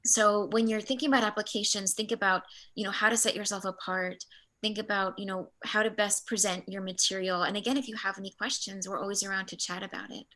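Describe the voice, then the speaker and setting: A middle-aged woman on the art history faculty, a native Spanish speaker, gives a chatty workshop presentation with frequent restarts. Her medium-pitched voice is steady, quick, pushed and bright.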